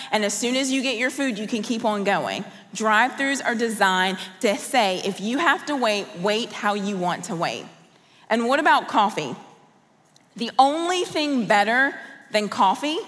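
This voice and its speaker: A woman's voice: on the high side, fairly bright tone, big-room sound. A woman raised in Colombia giving a sermon as a guest speaker, talking in a personal, conversational way and asking the audience questions. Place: large church auditorium.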